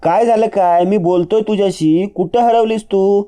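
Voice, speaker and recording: A man's voice: high voice, normal speed, mellow, clean tone, voice pushed up, lightly acted. A man voicing a caring young man who talks earnestly and insistently.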